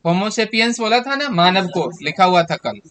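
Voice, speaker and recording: A man's voice: high voice, animated, normal speed, a bit bright. A man, teaching a class and walking students through exam answers by asking them questions. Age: 30s. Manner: explains step by step, quizzing students with questions.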